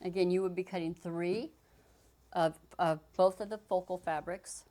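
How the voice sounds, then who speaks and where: In a fairly low, dark, steady voice at normal speed, a sewing instructor walks through a casual fabric demonstration. She chats while she works, talking through every step with frequent restarts.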